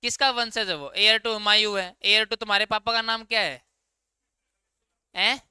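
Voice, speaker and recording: Bright crisp-voiced male classroom teacher. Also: high voice, steady tone, moderate pace, dry recording. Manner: informal, quizzing students and answering his own questions. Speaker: English grammar teacher. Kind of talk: classroom lecture.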